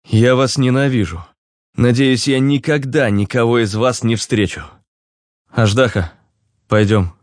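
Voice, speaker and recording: A male narrator voicing a blind young man who is blunt and irritable. He speaks curtly and with exasperation, pitched above the narrator's own low voice. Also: animated, a little fast, no echo, studio quality, natural voice. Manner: curt, exasperated.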